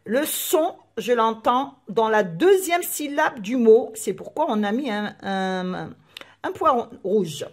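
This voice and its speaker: Brief: female primary teacher, high voice, very slow and deliberate, spelling out each letter; echoey room. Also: lively intonation. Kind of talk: recorded classroom lesson.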